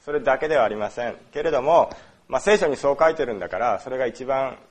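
With a mid-range voice, lively intonation, and a quick pace, a pastor from Osaka, Japan, gives a sermon about worship. He talks to the congregation conversationally, full of fillers and frequent questions.

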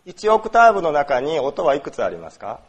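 A man's voice: on the high side, wildly swooping pitch, brisk, breathy edge. A man from Osaka preaching a sermon in a conversational way, with many fillers and questions put to the congregation. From Osaka, Japan. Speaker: pastor. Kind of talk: sermon on worship.

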